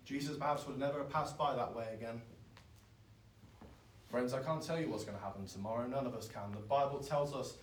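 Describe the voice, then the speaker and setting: A man, preaching a sermon in an earnest, pleading way that swells loud and then drops soft. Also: mid-range voice, fairly quick, slight background noise. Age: 20s. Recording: echoey, from far off.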